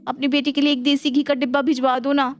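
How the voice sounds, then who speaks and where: A woman's voice: sits high, little pitch movement, quick pace, lightly acted. A woman voicing a headstrong young daughter-in-law who talks back in a cartoon. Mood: sassy.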